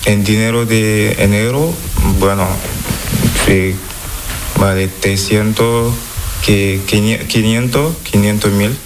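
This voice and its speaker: Hesitant man from Senegal, slow. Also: on the low side, fairly even intonation, background noise. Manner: hesitant, halting non-native Spanish. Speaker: interviewee. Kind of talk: street interview.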